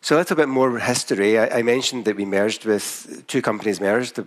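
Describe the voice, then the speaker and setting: A man's voice: on the low side, fairly quick. A man with a broad Scottish accent giving a business presentation as a company founder, speaking carefully so listeners can follow. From Scotland.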